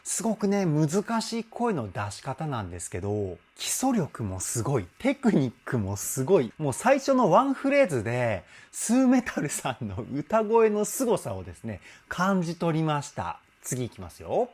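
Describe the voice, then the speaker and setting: A man's voice: fairly high pitch, huge pitch swings, husky. A man working as a vocal coach, giving casual commentary on a song and explaining singing technique with enthusiastic admiration. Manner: speaks with soft drawn-out "uun" sounds while listening.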